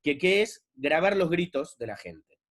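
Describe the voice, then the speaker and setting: A man's voice: on the high side, measured pace. Argentine man explaining film craft. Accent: Argentine Spanish. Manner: relaxed, conversational, frequent "¿no?" and fillers. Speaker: film director giving a masterclass. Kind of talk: explanatory lecture.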